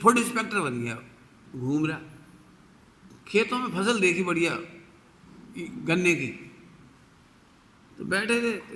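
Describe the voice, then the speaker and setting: A man delivers a sermon with animated storytelling, often pausing to ask his listeners rhetorical questions. His voice sits high and sounds bright and forceful. The recording carries the long, ringing reverb of a large hall. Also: a little hiss or hum. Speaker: Jain religious teacher.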